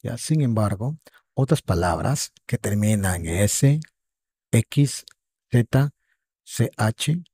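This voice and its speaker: A man teaching an online English lesson at an unhurried pace. His low voice is gravelly and husky. He patiently repeats words and keeps checking in with his students, recorded close and dry. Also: expressive, mellow, no room sound. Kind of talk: online lesson explaining grammar.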